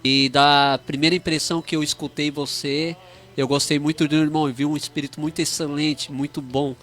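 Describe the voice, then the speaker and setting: A man's voice: on the high side, level tone, brisk. Radio host man with churchy greetings. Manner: warm religious greetings, loose questions. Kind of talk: radio interview.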